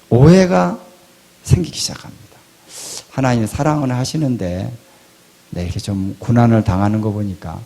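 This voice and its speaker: Gravelly-voiced male pastor preaching. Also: a little high. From Korea. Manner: rhetorical questions, swings from loud to hushed. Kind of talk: sermon.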